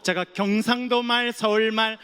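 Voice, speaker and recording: Male pastor, very high voice, playful sermon, long chapel echo. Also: fairly even intonation, a little slow, bright, forceful tone, clean tone. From Geoje island, South Korea. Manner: playful, jokes with the audience. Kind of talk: sermon with humorous storytelling. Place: seminary chapel.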